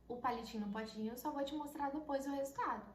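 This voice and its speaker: A woman quoting a pushy, excited female friend who won't take no for an answer, her voice raised a little higher than her own. The sound is echoey, with a faint hiss behind it. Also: fast, lightly acted. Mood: insistent.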